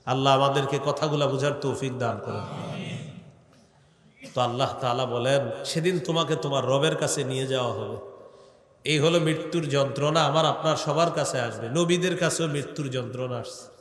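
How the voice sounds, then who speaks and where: A man with a somewhat high voice gives a sermon. He moves between slow sung recitation and plain talk with rhetorical questions, and the sound rings with a long, roomy echo. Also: fairly bright tone. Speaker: Islamic preacher. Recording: echoey hall with long reverb.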